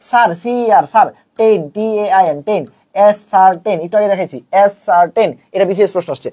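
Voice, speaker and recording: A young man giving an online lesson, casual and teasing, often chanting memory rhymes slowly in a sing-song way. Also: high voice, mellow. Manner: chanting mnemonics; colloquial teasing. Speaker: teacher.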